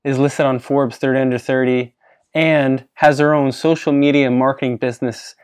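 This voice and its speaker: A man hosts a casual podcast interview in a dry, close-sounding recording. He is upbeat and loose, stumbling into restarts, and his pitch sits in the middle of the usual range. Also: a little mellow, clean tone, dry recording. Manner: upbeat, with restarts and false starts. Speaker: podcast host.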